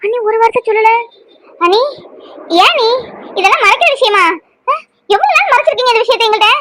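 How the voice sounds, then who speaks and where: A woman voicing a sharp-tongued, scolding adult sister-in-law in a cartoon serial. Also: animated, fast talker, very noisy. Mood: accusing. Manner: scolding, shrill and accusing.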